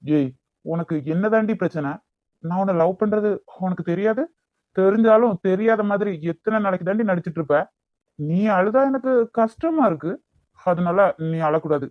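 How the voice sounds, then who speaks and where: This man's fairly high voice sits close to his everyday speech, moving at a moderate pace with no echo. Voicing a cartoon's brusque, demanding young lover with a short temper, he speaks with a Kanyakumari Tamil accent, captured on a dull lo-fi recording.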